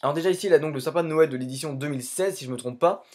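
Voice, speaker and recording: Chatty young French man, rather high voice. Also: very fast, a little mellow. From France. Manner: casual, rambling, keeps saying "tout simplement". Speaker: YouTuber investigating game clans. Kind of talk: improvised gaming commentary.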